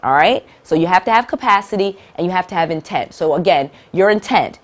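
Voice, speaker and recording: A woman's voice: lowish voice, animated, brisk. A middle-aged woman teaching real estate investing to camera, emphatic and direct, repeating key points and checking in with "all right?".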